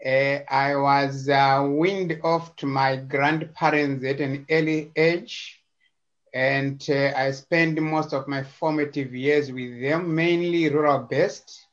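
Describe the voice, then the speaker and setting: A man from Zimbabwe, a guest on a video call, talking in a casual, hesitant way with many repetitions and fillers. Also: a little high. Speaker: interview guest. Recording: slightly dull video-call audio.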